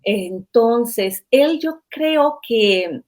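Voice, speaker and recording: A woman from Mexico with a Mexican accent, a guest in an interview who tells anecdotes in a chatty, animated way and often repeats words. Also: a little high, drawn-out words. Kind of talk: conversational interview storytelling.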